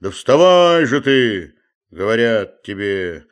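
A man's voice: sits low, animated, slow. A man voicing a stubborn old male manservant who coaxes and scolds with a drawling, muttering manner. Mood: coaxing, scolding.

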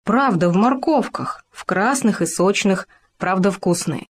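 A woman voicing a boisterous fat male hare who talks loudly and heartily. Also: mid-range voice, lively intonation, unhurried, breathy edge. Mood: hearty. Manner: loud, hearty exclamations.

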